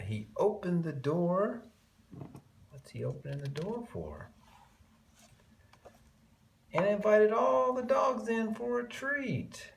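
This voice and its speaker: A creaky, medium-pitched male voice reads a picture book aloud for young children. The delivery is expressive, with elongated key words and murmured, talkative side remarks.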